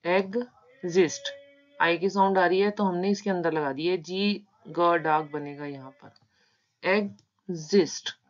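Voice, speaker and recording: With a fairly low, steady voice, a woman explains shorthand in a step-by-step tutorial, going slowly and patiently spelling out the sounds that make up each word. The recording is dull and lo-fi.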